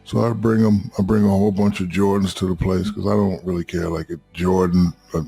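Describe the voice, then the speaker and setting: A man's voice: low voice, level tone, brisk, vocal fry, mellow, breathy edge, soft background music. A man in his fifties, a podcast guest, telling rambling anecdotes in casual chat and swearing freely. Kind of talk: casual storytelling.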